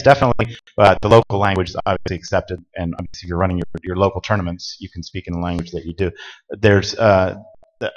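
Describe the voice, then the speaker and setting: A man presenting rules to a conference audience in a plain, direct, instructive way. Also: low voice. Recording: dull lo-fi audio with long hall reverb.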